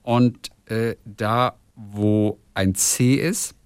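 A man co-hosting a casual podcast, telling stories in an animated way and reading out listener messages. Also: on the low side, drawn-out words, clean tone, no room sound, clean studio sound. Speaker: podcast co-host. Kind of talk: casual chat.

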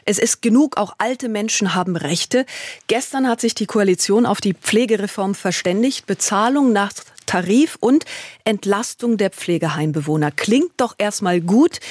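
A woman's voice: medium pitch, darkish tone, dry recording. Woman radio host, dry studio sound. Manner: brisk, clearly articulated questioning. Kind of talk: radio interview.

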